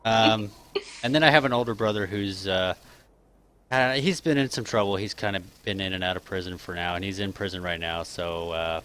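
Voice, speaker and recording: This Kansas man in his thirties has a low-pitched voice that sounds pushed and bright, recorded with a clean tone. Relaxed on a casual live stream, he reads questions aloud with plenty of stretched-out fillers and brief laughs.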